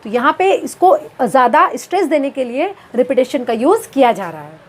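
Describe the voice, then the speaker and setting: A woman teaching English grammar who explains step by step, asks and answers her own questions, and reads the English examples slowly and deliberately. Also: high voice, sing-song. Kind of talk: grammar lesson.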